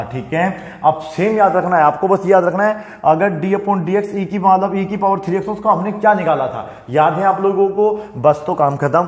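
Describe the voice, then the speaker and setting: A man's voice: on the high side, darkish tone. Patient male maths teacher, echoey room. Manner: patient, repeats "okay, beta" to students. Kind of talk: classroom maths lesson. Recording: echoey room with long reverb.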